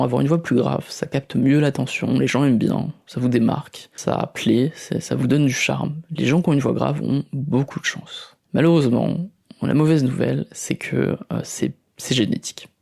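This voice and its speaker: Warm, husky and creaky, this man's mid-range voice carries a French accent. As a podcast host, he explains voice tips casually and demonstrates vocal techniques, often using fillers and restarting.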